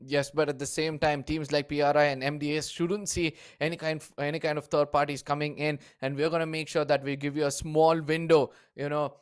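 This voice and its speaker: A young man casts a live esports tournament, reading out points and standings. His voice is crisp, smooth and a little high, and it sounds close and dry with no room around it. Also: flat delivery, brisk, hardly any pauses, no room sound. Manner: reads out standings with filler words. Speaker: esports caster.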